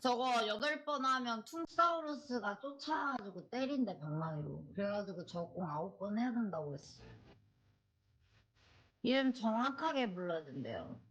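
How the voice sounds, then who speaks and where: A woman's voice: fairly high pitch, animated, moderate pace, fairly bright tone, slight background noise, rough recording. A woman live streamer chatting casually with viewers, playful and teasing as she thinks aloud, with slightly slurred articulation from a dental retainer.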